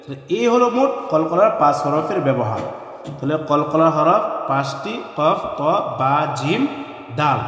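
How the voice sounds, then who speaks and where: A man teaching Quranic recitation online, slowly drilling letter sounds and chanting syllables one by one. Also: a little high, sing-song, a bit bright. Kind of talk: online tajweed lesson. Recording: echoey room with long reverb.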